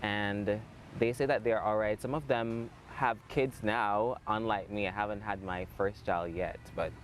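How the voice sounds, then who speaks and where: A man's voice: on the low side, fairly even intonation, a little slow, slight background noise. Young Jamaican man, hesitant. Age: young adult. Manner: hesitant, restarts often with "uh". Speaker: interview guest. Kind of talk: casual interview.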